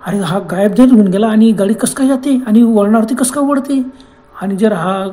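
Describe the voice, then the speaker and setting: A woman's voice: medium pitch, moderate pace, dark tone. A woman storyteller narrating a horror story in a dramatic, suspense-building way.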